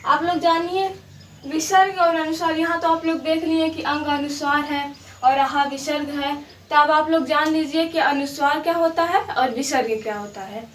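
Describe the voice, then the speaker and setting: A woman with a high voice teaches a grammar lesson, patiently repeating her examples and checking that her students follow. She sounds a little distant from the mic in an echoey room with a faint hiss behind her. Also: fairly even intonation, normal speed. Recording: roomy, distant mic with faint background noise.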